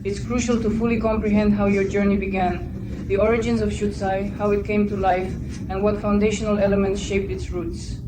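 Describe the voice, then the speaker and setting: A woman with a voice of ordinary middle pitch interviews a guest. She asks formal questions in a polite, deliberate and admiring way. Steady background noise sits under her voice.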